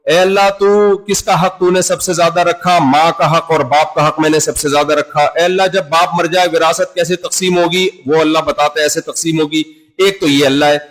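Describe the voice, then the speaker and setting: An Islamic preacher with an Urdu-speaking Pakistani accent delivers a sermon in a high, slightly bright voice over a rough recording. He talks conversationally and acts out little dialogues drawn from everyday examples.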